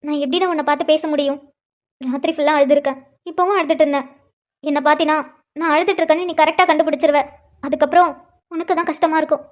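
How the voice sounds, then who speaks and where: A woman's voice: sits high, fairly even intonation, fast talker, long pauses, lightly acted. A woman voicing an affectionate elder sister who deflects and hesitates when questioned, in a cartoon. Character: tender, evasive elder sister. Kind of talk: cartoon voice acting.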